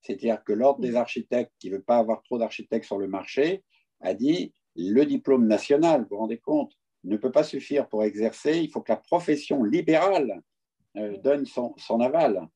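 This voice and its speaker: A man's voice: mid-range voice, normal speed, dark tone, slightly rough, lo-fi sound. A man speaking at an online conference, telling his view in an indignant, hesitant way with frequent fillers. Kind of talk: lecture over video call. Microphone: video call.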